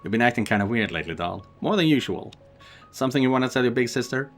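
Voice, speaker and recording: A man's voice: mid-range voice, lively intonation, quick pace, soft background music, close to an everyday voice. A man voicing a playful, nosy older sister who wheedles and teases her sibling. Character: teasing affectionate older sister, young woman.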